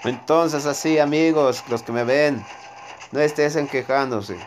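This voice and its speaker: A man talks his viewers through a match in a loose, rambling way. His pitch sits in the middle range. A steady wash of game noise runs under his voice. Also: measured pace. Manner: chatty, rambling, talks to viewers while playing. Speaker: gaming streamer. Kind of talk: casual gameplay commentary.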